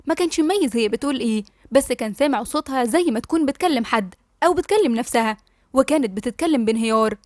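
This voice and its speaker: Brief: egyptian woman narrator, high voice, very fast, dry close mic. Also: expressive, darkish tone. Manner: brisk, friendly. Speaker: storyteller. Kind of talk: reading a novel aloud.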